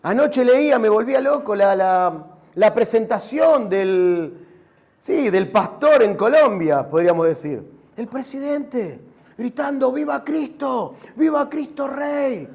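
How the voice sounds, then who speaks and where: A man with a Rioplatense Spanish accent preaching a sermon as pastor, animated and rising to shouts. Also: sits high, a little slow.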